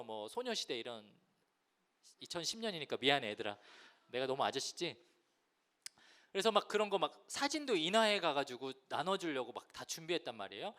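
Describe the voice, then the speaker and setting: A man in his thirties preaching a lively youth sermon, telling a story and acting out the voices in it. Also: high-pitched. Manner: animated, acts out quoted voices, addresses listeners directly. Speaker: youth pastor.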